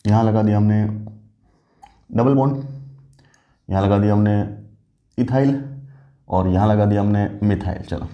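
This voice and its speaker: A man's voice: on the low side, a little slow, pauses often, dull audio. A man teaching a chemistry lesson, asking questions and answering them himself, praising the students as he goes. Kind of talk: classroom lecture.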